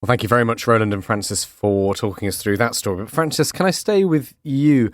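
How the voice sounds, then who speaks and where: A man's voice: mid-range voice, a little fast, no room sound, clean studio sound. A man hosting a podcast, politely handing over to his guests. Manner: polite, moderating. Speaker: host.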